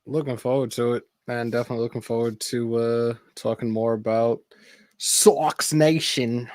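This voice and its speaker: A man co-hosting a sports podcast in casual chat, animated and quick to rant and laugh. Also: medium pitch, no echo, clean studio sound. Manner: animated, ranting, laughs easily. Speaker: podcast co-host.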